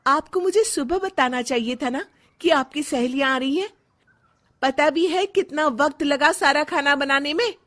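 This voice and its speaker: A woman's voice: sits high, normal speed, a bit bright. A woman playing a frustrated, reluctant young daughter-in-law in a cartoon story, with plaintive delivery. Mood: indignant. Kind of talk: animated moral story dialogue.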